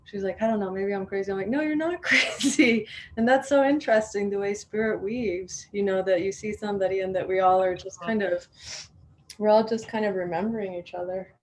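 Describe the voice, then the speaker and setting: A woman leading a casual video-call chat who laughs often and talks in a relaxed way with restarts. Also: mid-range voice, brisk, slight background noise, rough recording. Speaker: divination facilitator and translator.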